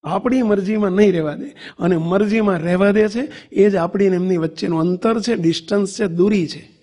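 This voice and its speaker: A man with a high, slightly quick voice preaches a devotional sermon to a temple congregation in the assembly hall. He tells stories with animation, acts out quotes, and poses questions to his listeners.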